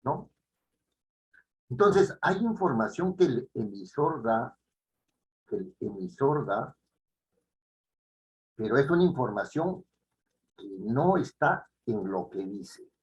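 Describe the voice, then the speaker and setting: A man giving a classroom lecture, repeating key phrases and checking in with the students with quick tag questions. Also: mid-range voice, big pitch swings, muffled recording. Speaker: teacher.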